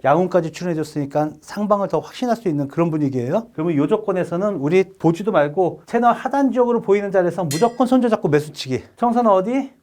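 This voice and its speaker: A man teaching a trading lesson over charts in a brisk, coaching way, often asking the viewers questions. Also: high-pitched, a little mellow. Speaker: trading instructor. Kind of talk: screen-recorded chart lesson.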